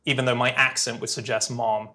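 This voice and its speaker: Male guest from Hong Kong, mid-pitched, jokey and rambling. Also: little pitch movement, a little fast, heavy background noise. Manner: rambling, self-deprecating, jokey. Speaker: podcast guest. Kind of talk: casual chat.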